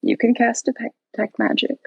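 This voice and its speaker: A woman narrating a tabletop fantasy game as its game master, describing scenes in a measured, descriptive way. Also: fairly high pitch, fairly even intonation, creaky, husky, dull audio.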